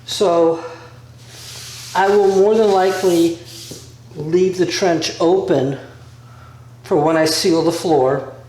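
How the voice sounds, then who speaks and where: A man's voice: high voice, steady tone, takes it slowly, long pauses, darkish tone. A man giving a casual instructional walk-through, rambling a little as he thinks aloud. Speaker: DIY vlogger. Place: bare concrete-floored workshop room by a garage. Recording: very echoey room, distant mic, faint noise.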